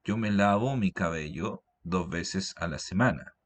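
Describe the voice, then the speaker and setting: A man teaches English grammar in a very deep voice. He takes his time, going over each example sentence slowly and patiently. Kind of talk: grammar lesson explained in Spanish.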